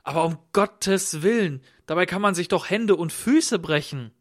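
A man's voice: a little high, expressive, measured pace, a bit bright. A man voicing a puzzled host who keeps asking startled questions. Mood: astonished. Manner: astonished, fussing questions. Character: puzzled, concerned male host Michael.

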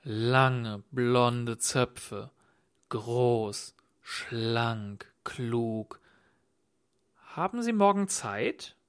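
A man voicing a clumsy, pushy insurance agent with smooth sales patter. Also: mid-range voice, animated, extremely slow. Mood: salesman patter.

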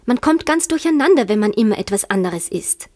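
A woman's voice: animated, darkish tone, natural voice. Alice: a woman doing a polite, flustered storybook girl, lifted and eager. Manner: eager, higher and quicker.

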